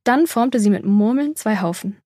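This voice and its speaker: A woman narrating a children's storybook in a calm, even storytelling manner, with a breathy voice. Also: medium pitch, moderate pace, no room sound, studio quality. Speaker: audiobook narrator.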